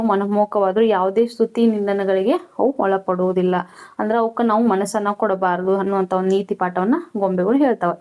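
A woman teacher, slowly reading out questions and answers and repeating each one for students to copy. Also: mid-range voice, darkish tone. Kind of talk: slow dictation-style Kannada lesson.

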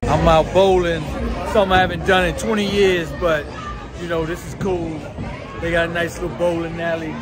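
A man's voice: fairly high pitch, flat delivery, normal speed, crowd noise, noisy background. Laid-back slangy Chicago man vlogging. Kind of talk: casual vlog tour. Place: various, car, bar and indoors. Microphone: phone at arm's length.

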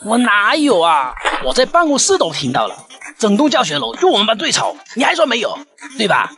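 A cheeky, scolding schoolroom cartoon character in a comedy skit. The delivery swings up and down in pitch and is full of Mandarin internet slang. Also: wildly swooping pitch, brisk, a bit bright, soft background music. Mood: indignant.

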